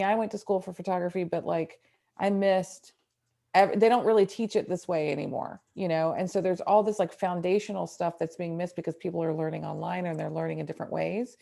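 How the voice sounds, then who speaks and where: A woman's voice: on the low side, fairly even intonation, fairly quick, vocal fry, warm tone. A woman, a portrait photographer, chatting and explaining casually on a video call with plenty of fillers. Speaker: guest speaker, portrait photographer.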